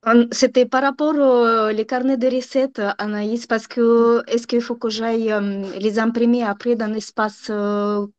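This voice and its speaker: A woman's voice: a little high, flat delivery, measured pace, few pauses, darkish tone, smooth, no room sound, dull audio. A woman with a foreign accent, an exam candidate, speaking hesitantly and gratefully on a call. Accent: foreign accent in French.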